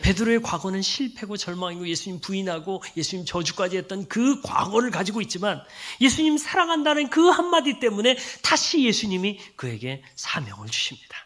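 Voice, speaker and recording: A pastor preaching a sermon in a church, swelling loud on quoted words and dropping to a whisper on others. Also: mid-range voice, very animated, fairly quick, hardly any pauses. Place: church sanctuary.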